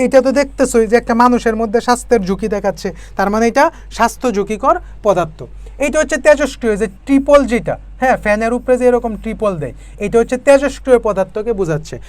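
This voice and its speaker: A woman's voice: fairly high pitch, darkish tone, no echo. A woman from Bangladesh, teaching an online chemistry lesson for exam prep. She explains step by step and keeps asking her students questions.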